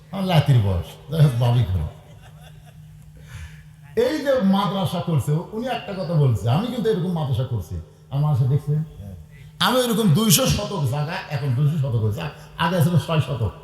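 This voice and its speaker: A man's voice: a little high, roomy sound, long reverb tail, rough recording. A middle-aged man preaching a waz sermon, calling on the crowd to answer and asking them for donations. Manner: lively, calls on the crowd to answer and raise hands; appeals for donations, blesses each gift.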